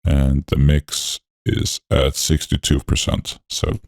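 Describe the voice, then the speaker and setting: A man talking through a voice changer that deepens his voice. He hosts a music production tutorial, narrating each step in a laid-back, technical way with frequent fillers. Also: little pitch movement, slow pace, creaky, heavy background noise. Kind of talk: walkthrough narration over a screen recording.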